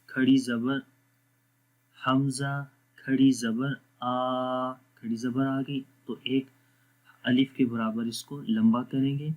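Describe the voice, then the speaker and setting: A man teaching Quran letter pronunciation, spelling out syllables one by one and stretching the vowels, then explaining the rules in quicker asides. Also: mid-range voice, darkish tone. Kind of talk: slow spelling-out lesson. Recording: dull lo-fi sound.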